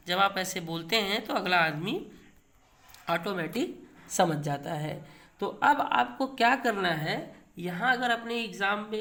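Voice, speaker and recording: Male grammar teacher, lecture delivery, rhetorical questions, slow emphatic examples. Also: high-pitched, pushed and bright. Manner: quizzes students with rhetorical questions and repeats key words; emphatic, drawn-out reading of example sentences. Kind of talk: classroom lecture.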